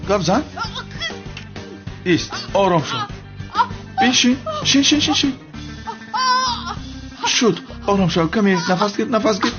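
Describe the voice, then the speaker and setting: A man's voice: high-pitched, expressive, long pauses. A man voicing a flustered helper in a dubbed TV drama, coaxing and fussing. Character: flustered man fussing over a fainted girl. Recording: dull dubbed TV audio with loud music.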